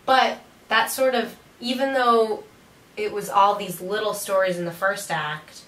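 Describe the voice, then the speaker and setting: A woman's voice: medium pitch, fairly even intonation, measured pace, fairly bright tone. A young woman co-hosting a theater review in casual chat, wry and joking. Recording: roomy room sound from a distant mic.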